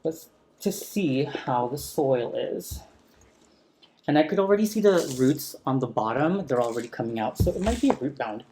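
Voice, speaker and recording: A man talking casually while repotting a houseplant at home, gently enthusiastic, speaking into a sensitive close mic turned up for ASMR. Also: mid-range voice, lively intonation, normal speed, slight background noise. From San Francisco area. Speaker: plant vlogger. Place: home room with a chandelier.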